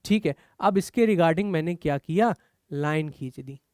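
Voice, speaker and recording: A man's voice: a little high, measured pace, darkish tone, smooth, no echo, clean studio sound. A man teaching chemistry, encouraging and explaining step by step with rhetorical questions. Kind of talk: online exam-prep lecture.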